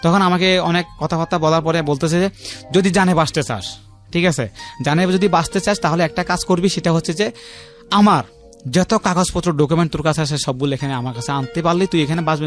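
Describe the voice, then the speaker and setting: A man in his thirties with a Bangladeshi accent tells his personal story as a guest on a radio interview. His voice is on the high side and his pace quick. He repeats himself and keeps adding check-in tags, with faint music behind him in the studio.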